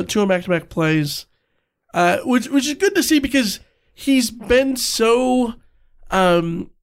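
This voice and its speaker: A man hosting a sports podcast in casual, halting chat, his voice congested and stuffy from being sick. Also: high voice.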